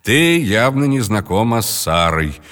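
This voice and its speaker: A man hosting and narrating a children's book reading in an expressive manner. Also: lowish voice, unhurried, no echo, studio quality. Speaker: storyteller host.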